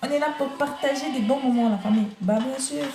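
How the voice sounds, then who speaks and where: Speaking fast in a high-sitting voice, a foreign-accented woman, not French, hosts a casual live shopping stream. She treats her viewers as family, reading their comments aloud over praise music in the background.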